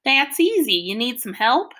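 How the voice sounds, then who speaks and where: A woman's voice: a little high, sing-song, moderate pace, sharp tone, voice pushed up. A woman doing an eager drawling country boy. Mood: friendly, eager. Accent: rural Southern US. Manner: eager, drawling, talks nonstop. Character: chatty friendly country boy from Arkansas. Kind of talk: audiobook character voice.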